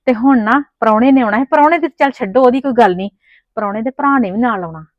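In a Punjabi village family drama, a woman plays a poor mother hosting her in-laws, humbly pleading with a neighbour and muttering to herself. Her voice is a little high and rapid-fire, recorded with no echo and the highs cut off.

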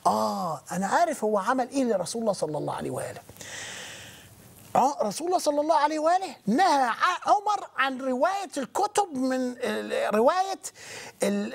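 A man with an Egyptian accent hosting a call-in religious talk show, talking fast and loud in an agitated way. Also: extremely high pitch, vocal fry. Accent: Egyptian Arabic. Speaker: talk show host taking calls.

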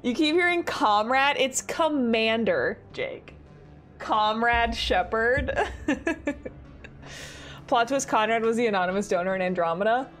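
Brief: giggly young woman live-streaming, high, bouncy voice, headset mic. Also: animated, unhurried, long pauses, a bit bright, faint music behind. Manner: giggly, bubbly, self-deprecating. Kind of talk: casual live-stream chat while gaming. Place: home apartment.

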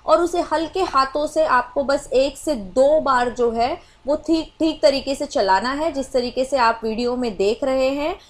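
A woman's voice: high-pitched, measured pace, few pauses. A woman explaining a recipe step by step in a voice-over cooking tutorial, with many small filler phrases. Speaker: cooking channel host.

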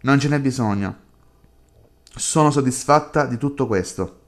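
A lonely young woman who has withdrawn from the world, as a man reads her lines in a slow, unhurried, subdued voice. The delivery stays flat and quiet, the way a game's dialogue is read aloud. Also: mid-range voice, natural voice.

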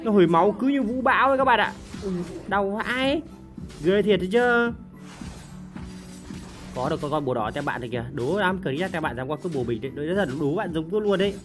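A hoarse woman commentating her mobile game in a casual, excitable way, breaking into loud exclamations and repeating short cries. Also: lowish voice, a little fast. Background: music.

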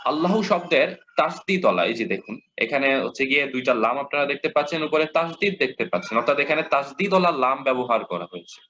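A man with a Bangladeshi Bengali accent teaching a lesson, patiently repeating examples and modeling slow recitation. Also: mid-range voice, lively intonation, bright, forceful tone, a little hiss or hum. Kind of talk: explanatory lesson. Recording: dull lo-fi audio.

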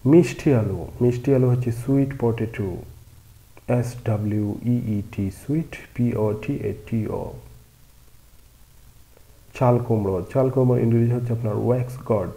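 A man's voice: mid-range voice, normal speed, warm tone, rough recording. A man teaching vocabulary, patiently spelling out each word letter by letter. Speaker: language teacher. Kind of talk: spelling out words in a vocabulary lesson.

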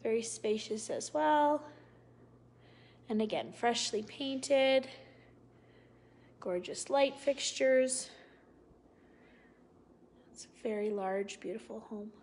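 Lady agent walking thru a house on her phone, takes her time, kinda high voice. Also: a little mellow. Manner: upbeat, admiring, slow and deliberate. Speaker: real estate agent. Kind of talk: live virtual house tour. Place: large house indoors, walking room to room. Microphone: phone held at arm's length.

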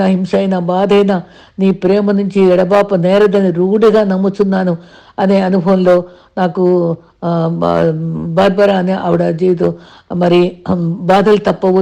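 Gravelly-voiced woman preaching a devotional sermon. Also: on the low side, mellow. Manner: earnest, repeats and restarts words, addresses listeners politely. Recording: dull lo-fi recording.

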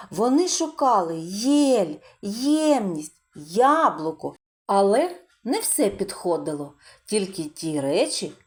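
A woman's voice: medium pitch, mellow. A woman teaching a literacy lesson to preschool children, speaking in a sing-song teacher's voice that draws out sounds and praises often. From Ukraine.

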